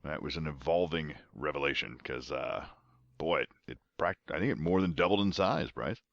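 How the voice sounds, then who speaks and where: A man co-hosting a comedic podcast, joking sarcastically and reading scripture verses slowly with mock solemnity. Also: rumbling low, creaky, a bit bright, no echo, highs cut off.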